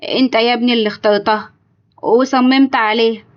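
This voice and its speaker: Storybook: narrator voices sorrowful aging Egyptian mother, fast and a bit high. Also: fairly even intonation, lo-fi sound, close to an everyday voice. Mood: grieving. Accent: Egyptian Arabic. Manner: sorrowful, reproachful. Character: weary aging mother, sad and wounded.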